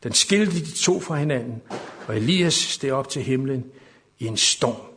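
A man delivers a sermon at a middle pitch, reading a scripture passage and then retelling it. He builds to loud, lifted emphasis at the dramatic moments. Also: animated, slight background noise. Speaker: preacher.

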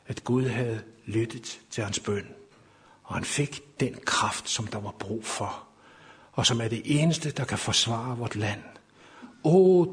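A man preaching a sermon, reading scripture aloud and retelling it, climbing to loud, high emphasis in the dramatic passages.

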